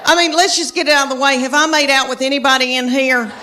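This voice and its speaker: A woman's voice: high voice, fairly even intonation, fast, bright, forceful tone, slight background noise. A woman in her fifties with a Southern American accent, doing a chatty stand-up comedy routine and talking straight to the crowd. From Southern United States. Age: 50s. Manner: chatty, drawling, addresses the crowd directly. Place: comedy stage before a live audience.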